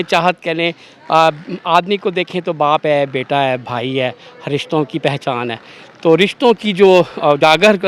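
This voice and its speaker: A man's voice: a little high, fairly bright tone, smooth. A man in his forties from Pakistan, a father, speaking formally and reciting verse between hesitant fillers in a street interview outdoors.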